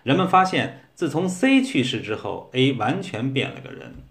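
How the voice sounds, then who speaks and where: A man narrating a humorous short story in a steady, measured reading. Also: mid-range voice.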